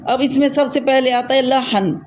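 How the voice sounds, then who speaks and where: A woman's voice: high-pitched, fairly even intonation, darkish tone, a little hiss or hum. A woman with a Pakistani Urdu accent teaching a Quran recitation lesson to a student, patiently explaining and checking that she understands.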